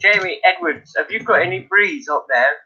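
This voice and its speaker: A man hosting a live stream from his attic, telling animated stories, laughing and swearing freely in casual chat. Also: high voice, moderate pace, slightly rough. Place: indoors by an open attic window. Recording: dull lo-fi stream audio.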